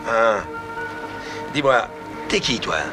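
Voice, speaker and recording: A man dubbing a fretful prisoner into French, excitable and complaining, swearing often, with film music underneath. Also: mid-range voice, slow pace. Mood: sarcastic. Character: loud, fretful man jailed, protesting innocence.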